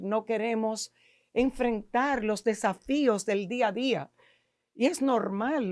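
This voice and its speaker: A woman's voice: a little high, a little mellow, dry recording, studio quality. A middle-aged woman with a Dominican accent, a guest expert explaining emotions in an emphatic, lecturing way full of rhetorical questions. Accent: Dominican Spanish. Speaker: guest expert in neuro-linguistic programming. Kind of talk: podcast interview explaining to an audience.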